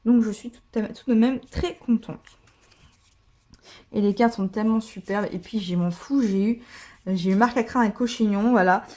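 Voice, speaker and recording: A mellow woman with a medium-pitched voice speaks at a moderate pace while opening card packs on her vlog. Her commentary is casual, full of gushing over her pulls and plenty of fillers.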